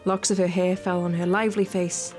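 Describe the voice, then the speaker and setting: A woman whose voice is on the low side speaks briskly with a flat delivery. As a gaming creator, she plays through a visual novel, reading the text expressively and dropping playful asides. Game music plays under her voice.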